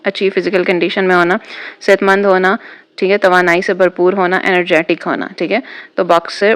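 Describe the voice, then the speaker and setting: A woman teaching a school lesson, patient and repetitive, who reads example sentences out slowly and deliberately. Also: medium pitch, clear, resonant tone. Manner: patient, repetitive, keeps saying "okay". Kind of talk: exam-prep lesson explaining idioms.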